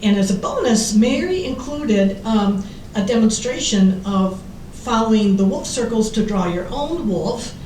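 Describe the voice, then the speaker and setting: A woman's voice: expressive, a little slow, warm tone. American woman presenting in an echoey room. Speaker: children's author presenting. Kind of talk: prepared presentation to an audience. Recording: roomy, distant mic, faint rumbling noise.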